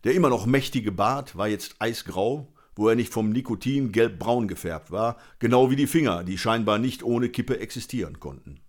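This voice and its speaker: A man's voice: on the low side, animated, normal speed, hardly any pauses. A man reading a crime novel aloud in a dry, wry storytelling manner. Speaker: audiobook reader. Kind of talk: scripted narration of a crime novel.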